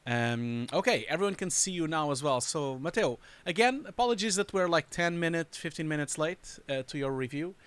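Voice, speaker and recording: A man's voice: on the high side, lively intonation, brisk, hardly any pauses, fairly bright tone, smooth, no echo. A man hosting a live stream, chatting casually and rambling, laughing often. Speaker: host reviewing showreels. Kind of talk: casual livestream chat.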